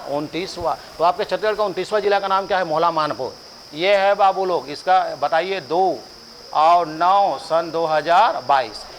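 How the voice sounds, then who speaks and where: A man's voice: high voice, fairly bright tone, a little hiss or hum, poor audio. A male coaching teacher giving an exam-prep lecture, drilling dates by repeating them and quizzing the students in a joking, familiar way.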